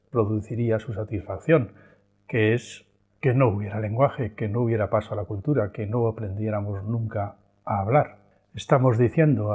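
A man from Spain with a Spanish accent giving a philosophy lecture, animated and acting out his examples. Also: medium pitch.

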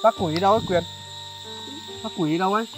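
A man hosting a charity vlog outdoors in a highland village, talking politely to viewers with many fillers. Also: fast talker, over music, poor audio. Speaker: charity vlogger. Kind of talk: vlog narration and chat on location.

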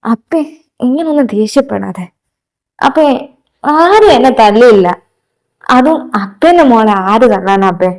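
A woman's voice: a little high, expressive, measured pace, pauses often, darkish tone. A woman voicing a stubborn young office worker who plays down her troubles to her father in a fan audio drama. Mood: reassuring.

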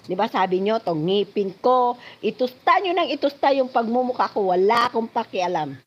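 A woman's voice: on the high side, lively intonation, normal speed, muffled recording. A woman in a clip from a rival's vlog, defiant and challenging, swearing at her opponent. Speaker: rival vlogger.

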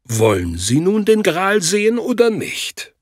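A man doing a rash, brisk detective, low-voiced. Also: wildly swooping pitch, husky, dry recording, studio quality, heavily acted. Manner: over-solemn, hasty.

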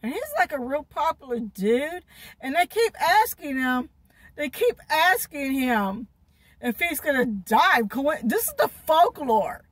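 A phone at arm's length records, without echo, a middle-aged woman vlogger in a parked car. Her high, sing-song voice moves at a measured pace as she tells a rambling tale full of heavy swearing, frequent laughter, repetition and lots of gestures.

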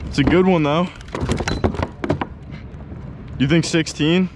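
A man's voice: on the high side, steady tone, slow. Hyped young man fishing from a kayak. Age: young adult. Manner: hyped, slangy exclamations. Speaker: fishing vlogger. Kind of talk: excited casual chat on the water. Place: kayak on open water outdoors. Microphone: action camera on the boat. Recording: outdoor noise from wind and water.

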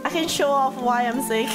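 A woman live streamer chatting casually over a game, giggly and excitable, swearing freely, with a voice hoarse from being sick. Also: high voice. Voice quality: hoarse, husky from illness. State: sick, coughing. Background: game music.

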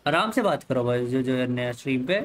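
A man with an Indian accent streaming a game live, talking casually with viewers, mixing Hindi and English and telling the chat to calm down. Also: mid-range voice, brisk, poor audio. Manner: easygoing, mixes Hindi and English, calms the chat. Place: home room, hot.

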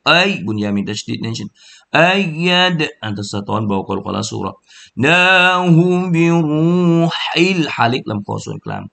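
A man teaching Quran recitation, chanting verses very slowly and then explaining pronunciation sound by sound in a relaxed, lower voice. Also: creaky. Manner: says polite particles often and repeats sounds to demonstrate.

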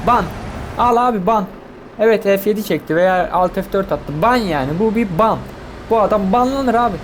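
An excitable man with a fairly high voice gives running commentary while he plays, piling up quick repeated words as things happen on screen. Faint game noise hums behind him. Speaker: gaming streamer.

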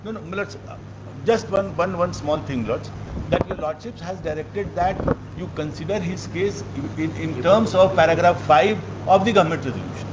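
A man with an Indian accent pleading formally as counsel in court, deferential, halting and repeating himself. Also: a little high. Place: crowded courtroom. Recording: muffled, noisy courtroom stream.

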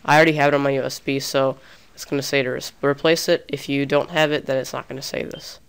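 A young man narrates a screen-recorded gaming tutorial in a loose, chatty style, often restarting his sentences. He sounds a bit sick, his voice slightly off. His pitch sits in the middle and barely moves, and he talks fast with vocal fry and a fairly bright, clean tone.

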